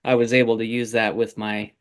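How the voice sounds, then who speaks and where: A man in his forties, a farmer guest on a podcast, talking in a relaxed, rambling way with many fillers. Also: fairly low pitch, a little fast. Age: 40s. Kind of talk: casual interview chat.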